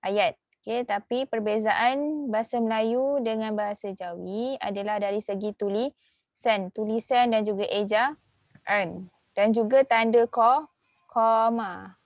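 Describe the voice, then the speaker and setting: A woman with a Malaysian Malay accent teaching a lesson, filling her talk with "okey" and "ha" and repeating key words slowly. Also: a little high, no room sound, dull audio. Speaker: religious school teacher. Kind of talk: online class lesson.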